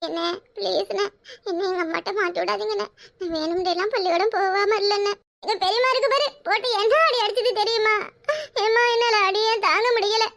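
A woman's voice: extremely high pitch, steady tone, brisk, vocal fry, fairly bright tone, exaggerated voice. A woman voicing a scared little schoolboy who skipped school, pleading and fretful, with a Kanyakumari Tamil accent. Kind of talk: cartoon voice acting.

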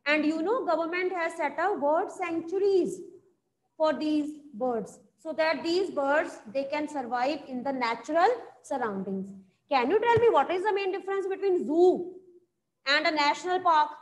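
A woman's voice: high voice, lively intonation, normal speed. A middle-aged woman with a North Indian accent teaching a class in an instructive way, often putting questions to her pupils. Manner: instructive, with frequent questions and check-ins to pupils. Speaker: school social science teacher. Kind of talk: classroom lesson, mixing English and Hindi. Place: indoor classroom at a blackboard.

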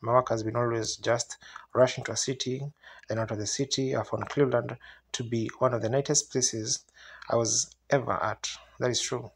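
Male evangelist for revival preaching: husky, creaky voice, earnest address to the congregation. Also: medium pitch, fairly even intonation, normal speed. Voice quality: raspy, gravelly. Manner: earnest, asks listeners rhetorical questions.

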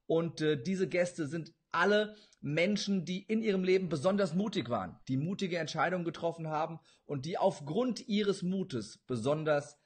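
A man's voice: on the high side, normal speed, few pauses, husky. A young man hosting a podcast interview over a video call, eager and effusive. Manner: eager, effusive, laughs often. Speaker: podcast host. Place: indoor room with bookshelves, video call.

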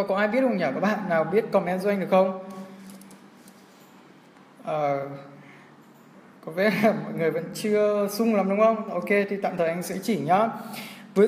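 A man's voice: sits high, darkish tone. Chatty young man teaching English, echoey room. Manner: chatty, checks in with viewers often. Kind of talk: livestream exam walkthrough. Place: indoor room, filming his screen for a livestream. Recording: echoey room with long reverb.

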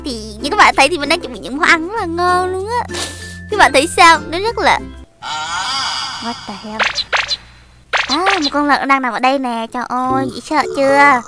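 A young woman hosting a game video in casual chat, excitable and full of exclamations. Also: sits high. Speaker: gaming YouTuber host. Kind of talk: casual let's-play chat. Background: background music.

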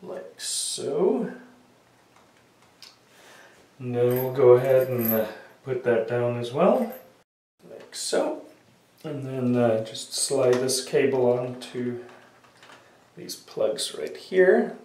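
A man with a head cold talks slowly in a mid-range, animated voice with a darkish tone, sounding sniffly. He's a hobbyist who makes repair tutorials, walking through a casual step-by-step fix at a workbench in a small indoor room, unhurried and full of "uh" fillers as he works with his hands. The camera audio is roomy and distant, with faint noise.

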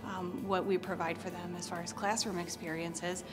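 A woman's voice: fairly low pitch, flat delivery, moderate pace, over music. A woman teacher interviewed in a classroom, talking with enthusiasm about her students' field trips. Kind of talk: video interview.

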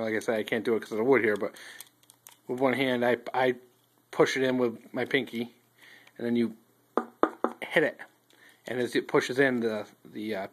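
Rambling man showing gear on a phone. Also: medium pitch. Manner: relaxed, rambling, many ums and restarts. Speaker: outdoors gear reviewer. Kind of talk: casual show-and-tell review. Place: indoors at a wooden table. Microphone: handheld phone filming table close up.

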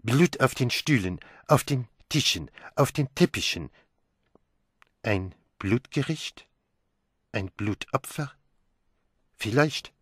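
A man voicing a fussy older male detective who muses slowly and lingers on his words. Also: medium pitch, lively intonation, fairly bright tone, slightly rough, no room sound, pitched above the performer's own voice, heavily acted. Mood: brooding. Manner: slow, musing, lingering on words.

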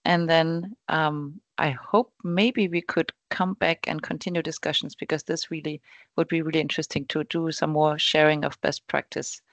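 A woman's voice: sits low, fairly even intonation, moderate pace, no room sound. Woman moderator with dry, close sound. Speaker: meeting moderator. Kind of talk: moderating an online meeting. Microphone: video call.

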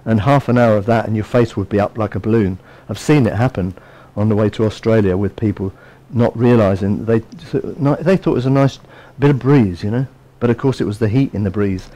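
A man's voice: fairly low pitch, fairly quick, mellow, low-quality recording. A man giving a sermon in a conversational, storytelling way, with many asides to his listeners. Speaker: preacher.

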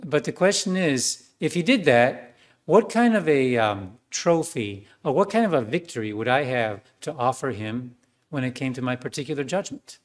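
Male priest, sermon, earnest, mid-pitched voice, a few ums and restarts. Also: lively intonation, moderate pace.

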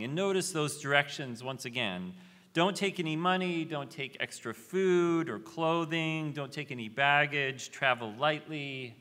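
A man in his thirties preaching a sermon from a podium microphone in a large convention hall, measured and reflective, with rhetorical questions. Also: fairly high pitch, pushed and bright. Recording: reverberant hall.

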